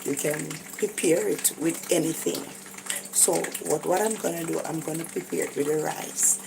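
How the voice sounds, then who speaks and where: A tired Jamaican woman with a deep voice and vocal fry narrates a casual cooking vlog in her small kitchen at normal speed. She sounds hesitant, full of fillers and restarts. The audio comes from a phone held above her, with kitchen noise in the background.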